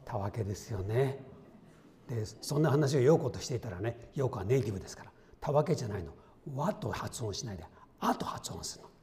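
Lively, chatty male pastor preaching. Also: mid-range voice, brisk. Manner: lively, conversational, asks the congregation questions. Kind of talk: sermon.

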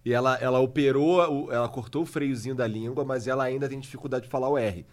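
A man's voice: mid-range voice, fairly even intonation, fast talker. A man hosting a podcast in casual chat, slangy and joking as he tells stories about his daughter. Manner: slangy, jokey storyteller.

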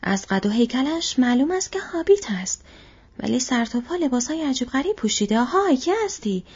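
A woman's voice: high-pitched, sing-song, breathy edge, pitched above the performer's own voice, exaggerated voice. A woman reading the part of a sturdy middle-aged male hobbit farmer who speaks bluntly and heartily. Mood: wary. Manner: blunt, hearty, calling out loudly. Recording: dull lo-fi audio.

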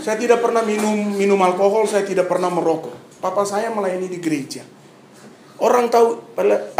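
A man from Papua telling a personal testimony story to an audience, dramatic, acting out scenes and swinging between loud bursts and hushed asides. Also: high-pitched, roomy sound, a little hiss or hum. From Papua, Indonesia. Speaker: speaker giving a personal testimony.

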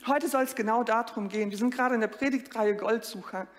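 She preaches fast now, her fairly high voice ringing with long reverb in the church hall. The sermon stays lively and story-driven, with frequent direct appeals to the congregation.

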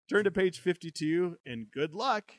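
A man's voice: high-pitched, lively intonation, takes it slowly, dry recording, studio quality. A young man co-hosting a show, reading a gamebook aloud with banter and frequent laughs. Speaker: podcast co-host reading a gamebook.

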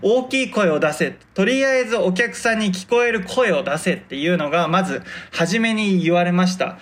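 A soft-spoken man hosting a casual solo podcast, consciously projecting his voice and articulating each word with care. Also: sits high, expressive, moderate pace. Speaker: podcast host.

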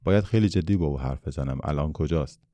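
A man's voice: rumbling low, mellow, no echo. A man voicing a stern, businesslike father who owns a factory, in a storybook reading.

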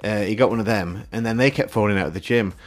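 A man's voice: on the low side, fast talker. Chatty man on radio. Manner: chatty, rambling storyteller. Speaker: radio co-host. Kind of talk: casual radio chat.

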